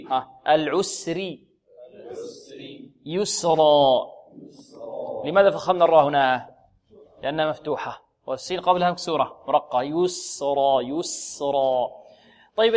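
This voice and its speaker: A man teaching Quran recitation, asking students questions and repeating each word slowly for them to copy. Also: a little high. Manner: drills pronunciation, repeats words slowly, asks students questions. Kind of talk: tajweed lesson with recited examples.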